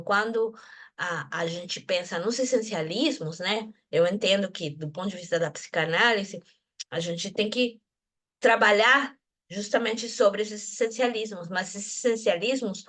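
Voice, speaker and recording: A Venezuelan woman takes part in an academic discussion group, speaking thoughtfully in a medium-pitched, slightly bright voice. She frequently restarts her sentences and tacks on tag questions.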